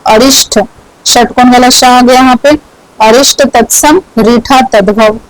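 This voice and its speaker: A woman teaching a grammar lesson at a slow, deliberate pace, with a voice that sits a little high. She says each word twice and asks herself questions, then answers them. The sound is dry and close, with no room echo. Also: fairly even intonation.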